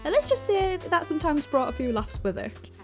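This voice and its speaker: Over background music and from a distant mic, a female video creator talks in a high, sing-song voice. Her vlog about audio production is casual and chatty, and she rambles, hesitates, and keeps cutting herself off.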